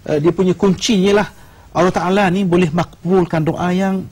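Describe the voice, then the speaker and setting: A man's voice: high-pitched, fairly even intonation, normal speed, a little mellow, husky. A Malaysian man hosting a talk show, bringing in his guests and callers and affirming them often. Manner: frequent short affirmations. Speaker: host.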